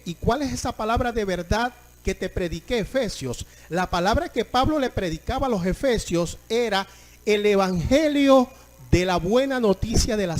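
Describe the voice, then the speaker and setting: A man delivers a sermon in a high-pitched voice. He reads verses slowly and forcefully, stressing each phrase. Between readings he calls on his listeners to repeat the words and answer him. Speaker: preacher. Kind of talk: sermon, Bible exposition.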